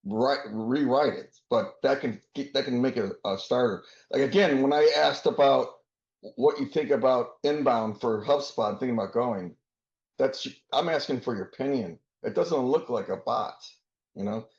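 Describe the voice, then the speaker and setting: Guy hosting a call, mid-pitched, sounds echoey and kinda muffled. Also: moderate pace, darkish tone. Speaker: host. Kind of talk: casual roundtable hosting. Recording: roomy, dull video call audio.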